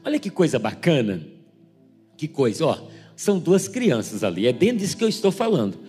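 A man's voice: a little high, big pitch swings, a little fast, dark tone, husky, faint music behind. A man with a Brazilian accent, a pastor preaching a sermon who acts out everyday scenes in changing voices, emphatic. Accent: Brazilian Portuguese.

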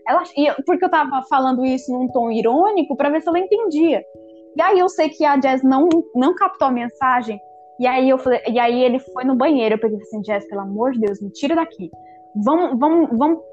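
Fast-talking high-voiced young woman. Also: highs cut off, faint music behind. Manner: animated, lots of fillers and quoted dialogue. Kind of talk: casual storytelling chat with friends.

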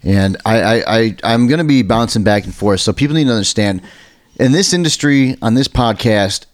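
A man's voice: mid-range voice, moderate pace, no room sound. An American man hosting a casual podcast, chatty and informal, with emphatic, digressive talk. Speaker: podcast host.

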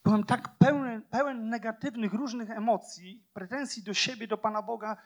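A man preaching a sermon with passion, using repeated phrases and rhetorical questions, and swinging from loud declarations to hushed, quiet lines. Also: sits high, fairly even intonation, moderate pace.

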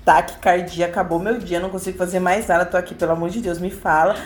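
A woman, co-hosting a casual gossip chat in an expressive, playfully dramatic way. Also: on the low side, fast talker.

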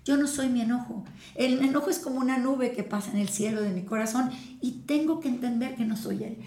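A woman co-hosting a casual wellness chat, speaking in a calm, reflective way with everyday examples. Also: fairly high pitch, a little fast, a little hiss or hum. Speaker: podcast co-host. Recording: echoey room.

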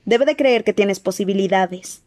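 Una mujer que lee un audiolibro y da voz a un muchacho mago franco y entusiasta. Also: female voice, mid-range voice, normal speed, darkish tone, close to an everyday voice. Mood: eager. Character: teenage wizard boy, blunt and amused. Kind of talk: audiobook character voice.

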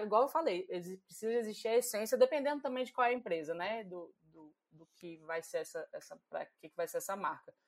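Brazilian woman steering a podcast chat. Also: mid-range voice. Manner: leads the questions, conversational. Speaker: podcast co-host.

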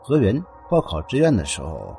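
A man narrating a ghost story in an expressive, dramatic reading style. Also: lowish voice, normal speed, creaky, soft background music.

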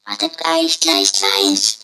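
A woman hosting a podcast in a disguised deep voice, talking in a playful, teasing way. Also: wildly swooping pitch, slow pace, creaky, pushed and bright, echoey room, exaggerated voice, low-quality recording. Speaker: podcast host. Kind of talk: casual podcast announcement.

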